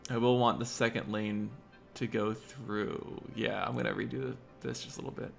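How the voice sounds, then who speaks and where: His voice sits on the low side, creaky and nearly flat in pitch, at a normal pace, as he streams a city-building game with hiccups. He mumbles through his road layouts and chats casually with viewers over soft background music.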